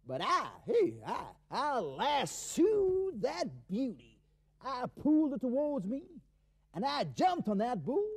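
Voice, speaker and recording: A man's voice: extremely high pitch, voice pushed up, exaggerated voice. A man playing a boastful, rowdy Texan rodeo star in a TV sketch, with a put-on American Texan accent and a bragging, laughing manner. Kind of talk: TV sketch comedy acting.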